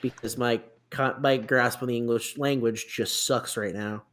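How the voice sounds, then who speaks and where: A man's voice: medium pitch, fairly even intonation, normal speed, a bit bright. A man hosting a casual sports podcast, rambling through a list with many restarts, fillers and self-deprecating asides. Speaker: podcast host.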